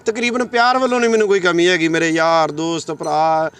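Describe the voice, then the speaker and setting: Modest singer, relaxed answers. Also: male voice, fairly high pitch, brisk, clear, resonant tone. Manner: plain, modest, leans on filler phrases. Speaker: singer and actor, interview guest. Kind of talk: casual interview answers.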